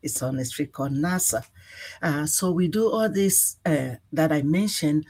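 A woman in her sixties from Ghana, answering radio interview questions in an earnest, measured way with frequent fillers. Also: low voice, warm tone, slightly rough. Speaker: executive director, guest.

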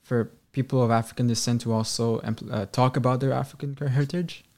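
A man hosting a radio interview, asking long questions in a halting way with fillers. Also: medium pitch, steady tone, vocal fry, darkish tone. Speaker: radio host.

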